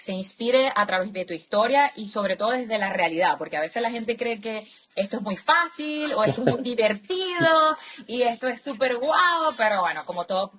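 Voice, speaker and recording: A woman's voice: mid-range voice, a bit bright. A woman hosting a live interview over a video call, rambling as she introduces her guest. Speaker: host.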